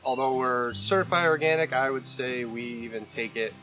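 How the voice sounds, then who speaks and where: A man's voice: medium pitch, moderate pace, over music. A man who works on a farm, talking casually and easily in a documentary interview. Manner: relaxed and casual. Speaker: farm worker.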